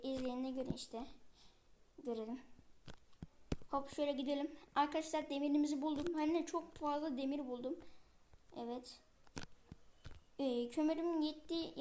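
A woman giving casual gameplay commentary, chatting to viewers with many fillers and speaking a bit loudly on purpose. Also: high-pitched, fairly even intonation, normal speed, long pauses, a little hiss or hum.

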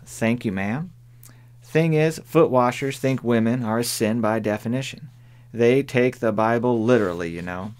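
A man voicing a sharp-tongued older woman neighbor in an audiobook, dry, firm and plain-spoken. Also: medium pitch, normal speed, clear, resonant tone, lightly acted. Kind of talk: audiobook character voice.

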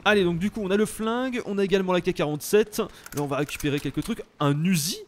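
A young French man giving casual, animated commentary while playing a video game, exclaiming at the action. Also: sits high, fast talker, slight background noise. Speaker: let's play host.

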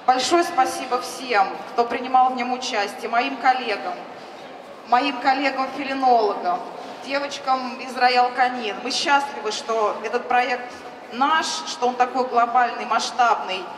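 A middle-aged woman giving a nervous thank-you speech on stage in short, halting phrases. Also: a little high. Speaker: event organiser. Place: large exhibition hall stage. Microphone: handheld microphone through PA. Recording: echoey noisy hall PA from far off.

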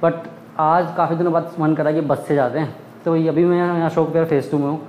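Young vlogger man, a bit high-pitched, echoey, loud street noise. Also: steady tone, fairly quick. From India. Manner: chatty, talks straight to camera with hand gestures. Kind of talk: casual travel vlog. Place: busy roadside outdoors in summer heat; small room at home. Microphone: phone camera at arm's length. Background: street traffic.

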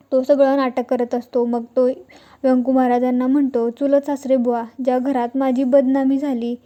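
A woman's voice: high voice, dark tone, lo-fi sound. A woman narrating a recap of a TV serial's episode, reading the characters' dialogue out in her own plain voice. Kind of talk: scripted plot recap narration.

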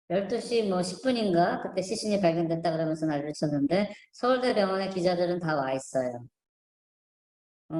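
Low-voiced woman rambling in an echoey room. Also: a little mellow. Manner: rambling, many fillers and restarts; skeptical, picking apart images on screen. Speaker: online channel host. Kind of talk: casual spoken commentary.

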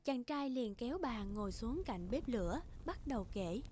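A woman narrating a fairy-tale cartoon in a gentle, even storytelling delivery. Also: on the high side, moderate pace, background noise. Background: loud background music.

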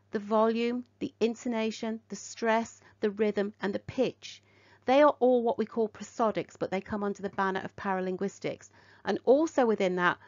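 A woman's voice: medium pitch, no echo. A woman with an English accent, teaching sixth-form English in a recorded induction lecture, asking lots of questions. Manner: poses many rhetorical questions. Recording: dull, dry lo-fi audio.

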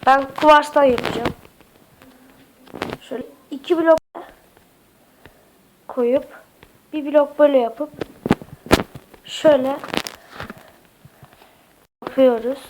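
A woman's voice: sits high, fairly even intonation, slow pace, long pauses, a little mellow, a little hiss or hum, rough recording. A woman narrating a casual game tutorial with a slightly sick voice, chatty and hesitant, often addressing the viewers as friends. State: slightly sick voice with occasional coughs. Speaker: Minecraft tutorial YouTuber.

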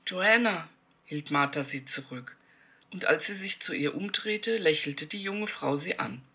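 A woman, the author, reading her own novel aloud in an expressive, dramatic way. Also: low-pitched, measured pace, breathy edge. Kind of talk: audiobook narration.

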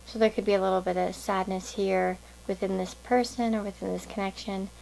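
A woman's voice: mid-range voice, steady tone, fairly quick, gravelly, darkish tone, a little hiss or hum, rough recording. A woman giving a casual pick-a-card tarot reading to viewers, musing and thinking aloud in a meandering way.

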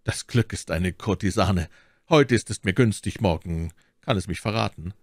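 A man's voice: sits low, normal speed, no room sound, clean studio sound. A man reading an audiobook, voicing a bold, passionate young swordsman with ardent declamation. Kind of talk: audiobook character voice.

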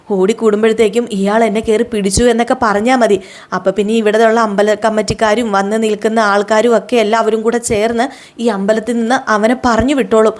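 A woman retelling a story plays a scheming young woman who coaches her friend through a plan, step by step. She sounds bossy and conspiratorial, in a clear and slightly high voice. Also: darkish tone, lightly acted. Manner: conspiratorial, instructing.

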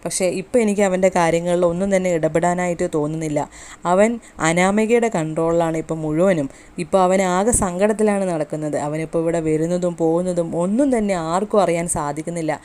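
A woman's voice: fairly low pitch, fast, mellow, natural voice. A woman reading the lines of a grown son who anxiously pleads with his mother in a serial recap, in a coaxing, earnest manner. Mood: troubled.

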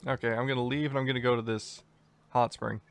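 A man's voice: mid-range voice, fast, slight background noise. A man joking around in casual chat while playing a video game with friends. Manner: joking, relaxed.

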